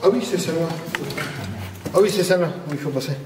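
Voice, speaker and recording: A man's voice: fairly high pitch, fast. A man chatting casually inside a cave, heard with echo from away from the microphone. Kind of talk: casual chat. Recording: cave echo, distant mic, noisy.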